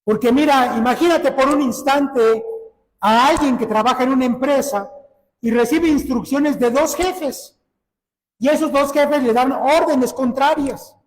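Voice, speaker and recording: A man's voice: extremely high pitch, a little slow, long reverb tail, rough recording. A man preaching a sermon in an earnest manner, asking his listeners direct questions.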